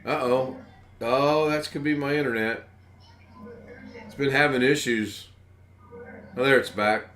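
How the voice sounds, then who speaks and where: A man's voice: medium pitch, fairly even intonation, measured pace, pauses often, fairly bright tone. A man from the United States hosting a live stream in rambling, casual chat, chuckling as he goes.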